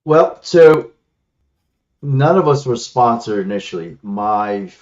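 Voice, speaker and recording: Speaking slowly but with animation, this Ilocano-speaking man from the Philippines has a mid-range, darkish voice. He is a martial arts instructor appearing as a guest, giving casual interview answers about his life. The online call comes through his headset, slightly muffled and lo-fi.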